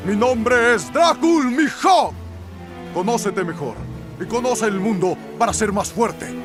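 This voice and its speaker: A man's voice: high-pitched, expressive, takes it slowly. An actor playing a formidable, solemn, commanding swordsman in a Latin American Spanish anime dub. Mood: solemn challenge. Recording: music behind the voice.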